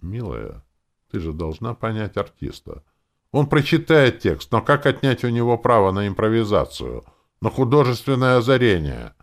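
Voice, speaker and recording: Male narrator as confident male dark mage, dry and commanding. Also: medium pitch, sing-song, moderate pace, pitched above the performer's own voice. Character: dry self-assured male dark mage casino owner.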